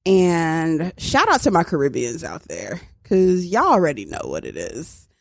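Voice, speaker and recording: A woman from Brooklyn co-hosting a casual podcast, playful and quick to laugh. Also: sits low, huge pitch swings, vocal fry, no echo, clean studio sound. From Brooklyn, New York. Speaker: podcast co-host. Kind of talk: casual chat.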